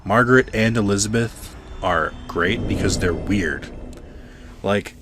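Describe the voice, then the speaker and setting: A man's voice: lowish voice, unhurried, fairly bright tone, a little hiss or hum. A man streaming a video game, giving casual, sweary, opinionated commentary with a sardonic edge. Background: game music.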